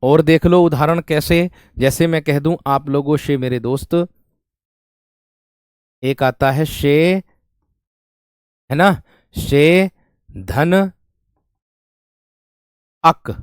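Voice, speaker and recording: A man's voice: fairly high pitch, extremely slow, pauses often, smooth, dry recording, clean studio sound. A man teaching grammar in an online exam-prep class, explaining step by step and repeating each question to his students.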